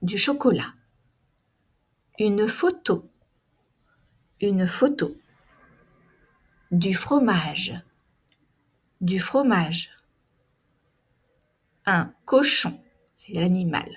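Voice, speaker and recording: A woman giving a pronunciation lesson at a very unhurried pace, spelling out each word with deliberate care. Her voice is breathy and a little husky. She repeats every example and speaks straight to her learners. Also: medium pitch, animated. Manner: addresses learners directly, explains spelling. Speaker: French pronunciation teacher.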